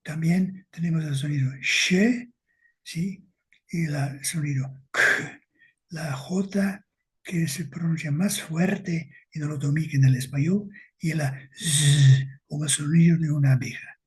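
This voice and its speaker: A man giving an academic lecture with slides, speaking slowly and deliberately and checking in with his listeners. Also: a little high, slightly rough.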